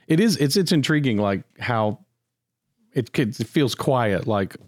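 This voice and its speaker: A man co-hosting a casual church podcast, talking in a relaxed, halting way with frequent restarts. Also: medium pitch, dry recording, clean studio sound. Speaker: church staff podcast co-host. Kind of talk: casual chat.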